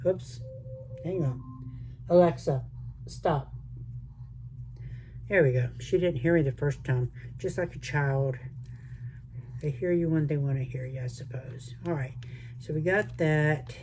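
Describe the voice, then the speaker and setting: An older retiree with a blended Southern American accent hosts a resin crafting channel, chatting casually with viewers, whom she calls y'all, as she works on a resin project. Her mid-range voice is slightly mellow and moves at a measured pace with long pauses, and her talk rambles along. There's a little background noise.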